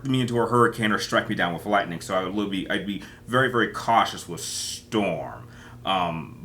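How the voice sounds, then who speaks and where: Male host, lowish pitch with a forceful bright edge, casually talking out kiss-marry-kill choices, rambling with repeats. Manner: rambling, hesitant, often repeating words. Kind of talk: casual solo chat, playing kiss-marry-kill with fictional characters.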